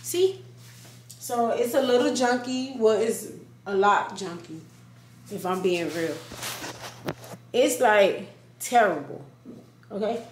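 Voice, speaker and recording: Young female vlogger, chatty and slangy, mid-pitch, roomy apartment echo, faint background hum. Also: takes it slowly, long pauses. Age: young adult. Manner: chatty, talks straight to camera, slangy and animated. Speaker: lifestyle vlogger. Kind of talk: casual vlog narration. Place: apartment kitchen and living room, indoors. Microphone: handheld or propped camera at close range. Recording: echoey apartment room, faint ambience.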